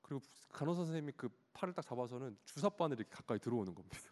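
A man in his thirties preaching a sermon, telling a personal story about his child in an animated way and acting out the child's cries. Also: mid-range voice, racing. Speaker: pastor. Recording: long hall reverb.

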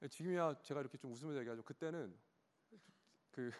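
A man in his thirties preaching a sermon, telling a personal story about his child in an animated way and acting out the child's cries. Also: mid-range voice, fast talker. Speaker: pastor. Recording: long hall reverb.

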